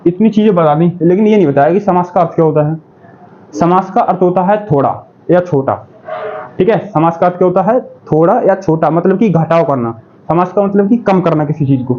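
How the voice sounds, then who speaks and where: A man's voice: high voice, a little fast. A man teaching a Hindi grammar lesson for exam preparation, asking questions and answering them himself, with many "okay"s. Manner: repeats questions and answers them himself, says "ठीक है" often. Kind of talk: classroom-style lesson. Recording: dull lo-fi sound.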